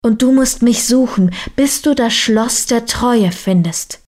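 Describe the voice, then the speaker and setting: A woman's voice: on the high side, takes it slowly, a little mellow. Storybook prince, sad and earnest, close to the reader's own voice, a woman. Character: cursed young male prince, sad and secretive.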